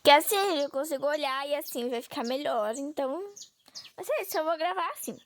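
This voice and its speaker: This young gaming vlogger from Brazil speaks fairly quickly in a high voice with lively intonation and a Brazilian Portuguese accent. Recorded by phone with slight background noise, she casually chats through her mobile gameplay, constantly turning to talk to viewers.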